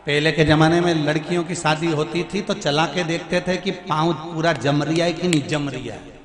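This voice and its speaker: A man's voice: fairly high pitch, steady tone, moderate pace. A man, giving a devotional sermon in a folksy, teasing way, sometimes half-singing. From Madhya Pradesh, India. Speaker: religious storyteller. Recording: echoey hall with music behind.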